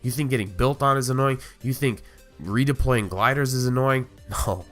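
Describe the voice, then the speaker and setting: A man's voice: medium pitch, normal speed, a bit bright, faint music behind. A man with a cold and a nasal voice, hosting a gaming video in casual, rambling commentary. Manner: conversational, rambling with small asides.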